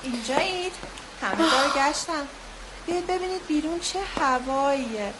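An actress playing a hospital worker in a drama, gently coaxing colleagues outside. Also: female voice, high-pitched, animated, very noisy. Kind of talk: TV drama acting.

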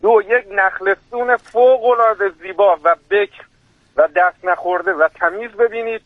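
A man's voice: sits high, dry recording. A man with a strong Birjandi accent, a lecturer calling into a radio show, explaining things in a formal, polite and eager way. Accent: Birjandi Persian. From Birjand, Iran. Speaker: guest expert, university lecturer. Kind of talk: radio talk by phone. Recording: tinny phone line.

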